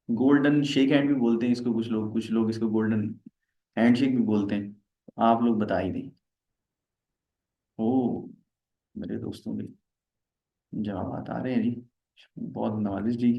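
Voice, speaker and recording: A man's voice: medium pitch, mellow. Man, live tax class, chatty and conversational; roomy, slightly dull stream audio. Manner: chatty, acts out dialogues and asks viewers questions. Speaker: tax and accounting teacher. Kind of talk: live online tax lesson.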